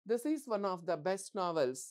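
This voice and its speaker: Woman teaching grammar, lowish voice that swings up and down a lot, quizzes the class then answers. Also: animated, a little mellow. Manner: asks the class questions and answers them herself; reads English example sentences slowly and deliberately. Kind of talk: exam-prep grammar lesson.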